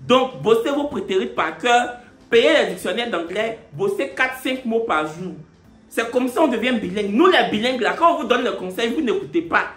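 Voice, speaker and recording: A man's voice: very high-pitched, echoey room, soft background music. A man in his twenties talking animatedly in a casual storytime vlog. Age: 20s. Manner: animated, switches between French and slow deliberate English. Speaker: vlogger.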